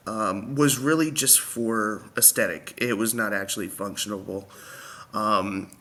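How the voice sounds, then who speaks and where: A man's voice: mid-range voice, bright, forceful tone. A young man who is out of breath and wheezy, walking through a website in a casual, hesitant way with many ums. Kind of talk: casual screen-share walkthrough.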